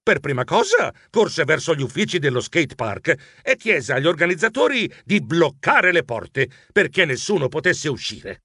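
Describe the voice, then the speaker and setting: Audiobook narrator: man, playful, expressive, slightly high. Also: normal speed, hardly any pauses, breathy edge, dry recording, clean studio sound. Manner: animated, playful storytelling.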